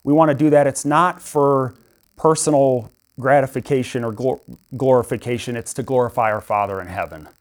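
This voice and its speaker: A man's voice: medium pitch, fairly even intonation, normal speed. A young adult man giving an informal sermon in a conversational, storytelling way, with frequent restarts. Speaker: preacher.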